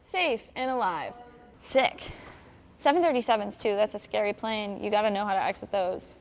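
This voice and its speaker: A woman's voice: mid-range voice, normal speed, a little hiss or hum. A woman vlogging in a playful, casual way, joking and being dramatic. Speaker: vlog host trying flight attendant training. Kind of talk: playful casual vlog chat.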